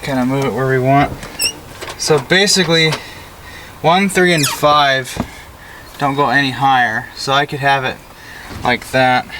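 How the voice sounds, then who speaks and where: This young adult American man speaks at a medium pitch in an even tone, a little slowly and with frequent pauses, chatting in easygoing slang while doing a DIY install on his truck for his vlog. He's inside the parked pickup's cab with the door open. The camera is mounted an arm's length or more away, and clear road and vehicle noise can be heard outdoors.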